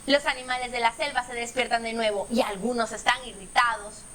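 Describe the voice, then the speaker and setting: A woman storyteller reading a children's bedtime story aloud, animated, with playful sound effects. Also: a little high, a little fast, a little hiss or hum.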